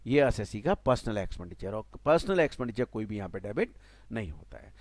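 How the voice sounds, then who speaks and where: A man in his forties with an Indian accent, giving a tax lecture to a class, animated and mixing in English terms while checking that students follow. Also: on the low side, a little fast, no echo. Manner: animated, mixes Hindi and English, asks students "clear?". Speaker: tax teacher.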